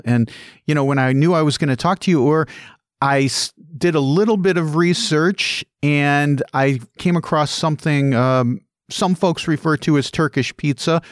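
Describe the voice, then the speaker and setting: A male podcast host asks friendly, curious questions in a casual interview. His voice sits a little high for a man. The recording is dry and close. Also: dry recording. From North America.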